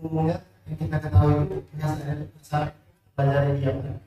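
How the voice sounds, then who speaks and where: A man's voice: on the high side, monotone, very fast, warm tone. A man asking his teacher questions in an online class. He speaks politely and addresses the teacher with respect. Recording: echoey, distant mic with music behind.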